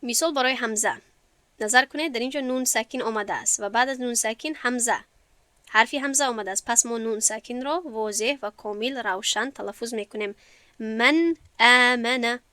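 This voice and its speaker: Bright-voiced woman teaching slowly in class. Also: a little high, no echo. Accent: Tajik Persian. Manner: slow explanatory teaching, stretches out example words loudly. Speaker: Quran recitation teacher. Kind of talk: recorded classroom lesson.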